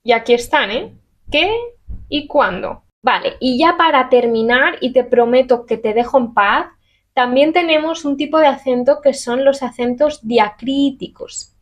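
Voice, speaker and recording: A woman from teaching a Spanish grammar lesson to camera in a lively, chatty way, acting out little example questions. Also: sits high, unhurried.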